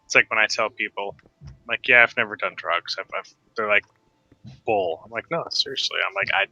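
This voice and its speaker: A man's voice: fairly low pitch, fairly even intonation, a little fast, sharp tone, highs cut off. A man from Upper Michigan chatting casually during a game, easygoing and full of "like". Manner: easygoing, heavy use of "like". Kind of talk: casual chat while gaming.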